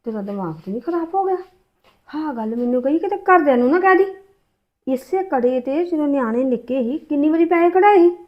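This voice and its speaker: Casting: a woman as a probing, scolding Punjabi relative; high voice, dull lo-fi sound. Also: expressive, a little fast. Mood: concerned. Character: worried, sharp-tongued female relative. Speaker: relative in a family drama.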